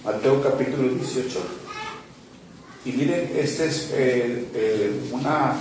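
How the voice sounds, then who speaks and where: A man's voice: medium pitch, takes it slowly, a little mellow, distant mic. A man preaching a sermon as pastor, reading scripture and pressing the listeners with repeated rhetorical questions. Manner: emphatic, asks the congregation rhetorical questions and repeats key phrases. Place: church hall. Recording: very echoey hall, voice from off mic, faint background noise.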